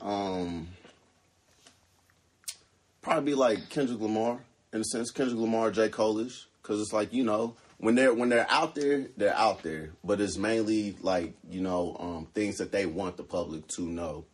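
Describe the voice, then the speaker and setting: A man with a lowish voice talking loosely as a podcast guest. He wanders through his points, full of fillers and restarts, in easygoing casual chat. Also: measured pace, slightly rough. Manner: rambling, filler-heavy, restarts often.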